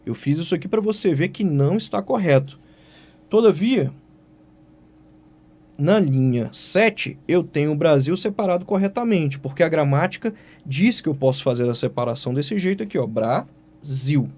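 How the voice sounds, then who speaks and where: Lively Brazilian teacher asking himself questions. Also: male voice, on the high side, brisk. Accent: Brazilian Portuguese. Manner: lively, asks and answers his own questions. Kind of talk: exam-prep writing lesson.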